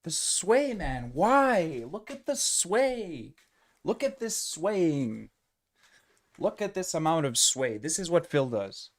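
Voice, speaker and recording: A man's voice: a little high, sing-song, slow. A man hosting a reaction stream, with sarcastic and profane commentary.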